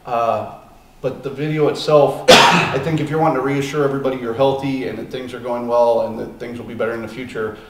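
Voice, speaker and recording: A man's voice: mid-range voice, steady tone, fairly quick. A man hosting a podcast in casual chat, rambling with plenty of ums and uhs. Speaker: podcast host. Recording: echoey room, distant mic, faint noise.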